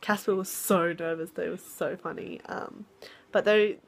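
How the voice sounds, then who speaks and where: A woman's voice: fairly low pitch, fairly even intonation, a little slow, vocal fry, a little hiss or hum. A young Australian woman talking casually to her viewers in a rambling vlog, with lots of fillers. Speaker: vlogger.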